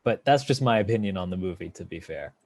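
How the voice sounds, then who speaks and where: A man's voice: low-pitched, animated, fast, gravelly. A man hosting a casual film review chat, talking with enthusiasm and rambling through fillers and restarts. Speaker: podcast host.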